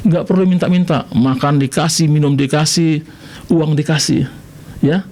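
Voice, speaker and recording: A middle-aged preacher from Medan with a high voice gives his testimony on radio. He swings between big exclaims and quiet, confiding asides. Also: fairly even intonation, moderate pace. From Indonesia, Medan. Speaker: pastor guest.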